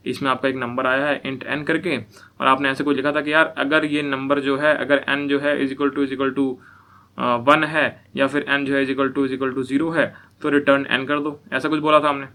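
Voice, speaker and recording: A man's voice: medium pitch, bright, forceful tone. A young man giving a casual coding lecture, often repeating himself and checking whether listeners follow. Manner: repetitive, asks listeners if they follow. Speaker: programming teacher.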